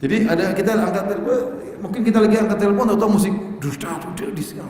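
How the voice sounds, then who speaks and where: Lively male preacher in an echoey hall. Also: high-pitched, fast talker. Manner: lively, joking, acts out little dialogues. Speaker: Islamic preacher. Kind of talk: religious lecture. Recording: echoey hall with long reverb.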